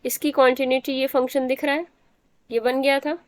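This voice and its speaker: A woman's voice: high-pitched, level tone, moderate pace, no room sound. A woman teacher giving a math lecture, explaining step by step and often checking that the students understand.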